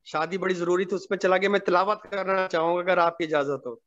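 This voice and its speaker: A male student on a video call, polite and deferential, reciting slowly but talking quickly between recitations. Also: sits high, fairly even intonation, fairly bright tone, dull audio. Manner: hurried in speech, slow measured recitation, polite and deferential. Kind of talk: reciting Quran and chatting in class.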